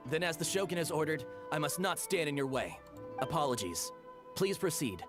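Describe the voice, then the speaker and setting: A by-the-book gate guard speaks in formal, officious tones. His voice is a little high and swings up and down, with game music underneath. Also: very animated, moderate pace. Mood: stern.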